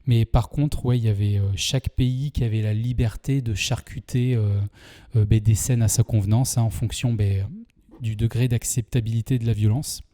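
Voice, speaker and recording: Chatty French man with a very dark voice. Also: on the low side, fairly even intonation, normal speed. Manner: chatty, many fillers and restarts. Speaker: film review host. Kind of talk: casual video commentary.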